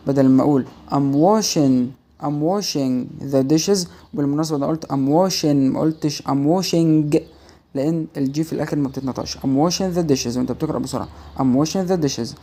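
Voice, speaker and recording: Egyptian man as English tutor, warm low-key tone, spells out examples slowly then explains briskly. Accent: Egyptian Arabic. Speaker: English teacher. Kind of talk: language lesson.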